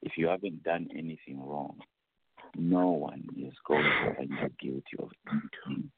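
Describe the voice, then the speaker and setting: Deep gravelly man preaching over a phone line. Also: steady tone, normal speed, no room sound. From Zambia. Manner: preaching, emphatic, declamatory. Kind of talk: impassioned testimony.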